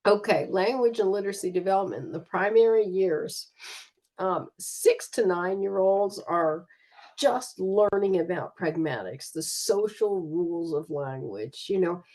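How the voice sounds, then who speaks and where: A woman talks through her slides in a casual, easygoing way, stopping often for fillers. Her voice sits a little low and sounds mellow and warm. She is recorded on a computer mic while sharing her screen. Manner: relaxed, chatty, with frequent fillers. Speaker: student presenter.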